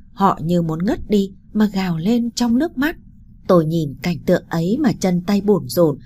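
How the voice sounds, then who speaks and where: A woman tells a first-person story in a mellow, low voice. She gets emotional and lifts her pitch for the spoken lines. A faint noise sits under the recording. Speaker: narrator.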